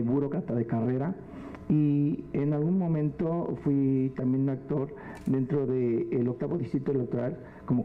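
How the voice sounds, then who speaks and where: A man making a public comment at a forum, speaking earnestly and building to rhetorical questions. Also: mid-range voice. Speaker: audience member at a public forum. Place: legislative hall forum. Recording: tinny phone-like sound with faint hum.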